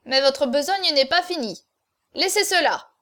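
A woman's voice: high voice, lively intonation, measured pace, sharp tone, heavily acted. A woman voicing a small hunchbacked man who gives orders in a curt, stubborn tone. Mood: commanding.

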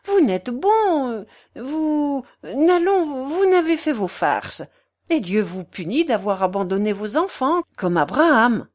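Woman putting on a shrill meddling concierge. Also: sing-song, unhurried, heavily acted. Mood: coaxing. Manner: shrill, wheedling, theatrical. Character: gossipy, meddling middle-aged Parisian concierge woman.

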